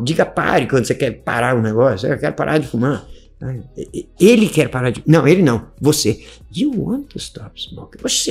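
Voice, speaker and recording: Chatty teacher, gravelly lively voice. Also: male voice, on the high side. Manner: chatty, laughs often, mixes in English phrases. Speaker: English teacher. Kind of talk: casual online lesson.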